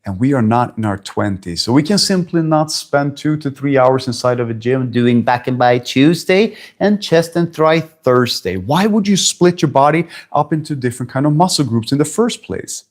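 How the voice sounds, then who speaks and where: A man's voice: medium pitch, lively intonation, moderate pace, hardly any pauses. Blunt forty-something Swedish man. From Sweden. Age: 40s. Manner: blunt, emphatic, swears casually. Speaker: personal trainer. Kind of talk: talking-head fitness vlog. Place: friend's house indoors.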